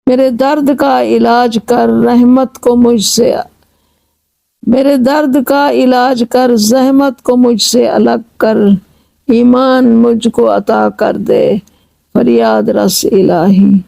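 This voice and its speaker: A woman slowly chanting devotional verses in a pleading tone, then explaining each line in measured speech. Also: fairly high pitch, steady tone, creaky, dark tone, no room sound, poor audio. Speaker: religious reciter and translator. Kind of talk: devotional recitation with line-by-line translation.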